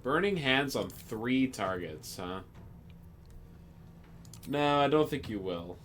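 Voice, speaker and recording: A man giving casual live commentary on a video game, musing aloud in a halting way as he plays. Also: medium pitch, very animated, fairly bright tone, slight background noise. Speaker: game streamer.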